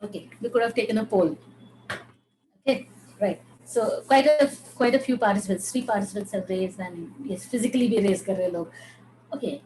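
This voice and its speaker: A woman's voice: mid-range voice, drawn-out words, mellow, roomy sound, slight background noise, rough recording. A woman with an Indian English accent teaching an online voice class, switching between Hindi and English and asking the class questions. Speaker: voice coach. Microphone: video call.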